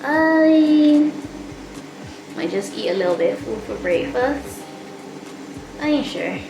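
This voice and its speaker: This young woman's voice sits high, with lively intonation and a slow pace, over background noise. Speaking with a Barbadian accent, she vlogs into a close self-filmed camera from quarantine, sighing and sounding worn out, down and frustrated.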